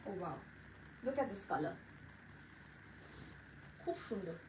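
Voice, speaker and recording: A woman's voice: medium pitch, very animated, extremely slow. A woman from Bengal hosting a live saree sale, chatty and mixing Bengali with English as she greets viewers by name. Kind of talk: live-stream sales pitch. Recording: echoey room, distant mic, faint noise.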